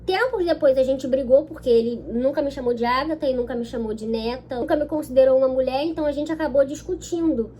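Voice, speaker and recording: Speaking in a chatty vlog, a young woman with a Brazilian Portuguese accent tells her viewers a personal story and keeps checking in with them. Her voice is high-pitched and warm, quick with few pauses, over slight background noise.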